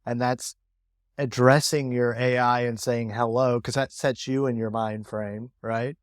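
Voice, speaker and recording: An eager middle-aged man co-hosts a casual podcast, often slipping into quoted lines of dialogue. His voice sits at an ordinary middle pitch. The recording is dry and close. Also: little pitch movement, a little slow, no room sound. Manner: enthusiastic, acts out quoted dialogue. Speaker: co-host.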